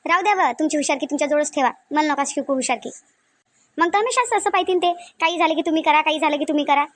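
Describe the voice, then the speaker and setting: A woman lightly acts a sharp-tongued village mother-in-law in a family cartoon comedy, speaking very high and fast with a Varhadi (Vidarbha) Marathi accent. Bossy and suspicious, she scolds and insists in an annoyed, sarcastic mood.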